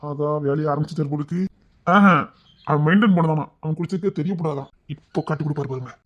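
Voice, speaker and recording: A young husband who jokes and teases his in-laws at a quick clip, as a man acts him out. He talks. The recording sounds dull and muffled. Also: a little high, lightly acted. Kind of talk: audio drama acting.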